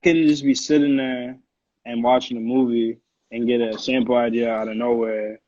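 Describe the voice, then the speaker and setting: Here the young American producer from Connecticut, in his early twenties, keeps the casual interview chat slangy and loose. His mid-range voice is flat and darkish in tone, at a moderate pace. It comes through a dry recording with dull audio.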